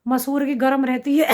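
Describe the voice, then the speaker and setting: A middle-aged woman with a slight cough, chatting to her viewers in a rambling account of her family's day. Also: sits high. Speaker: family vlogger. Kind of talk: casual vlog talk to camera.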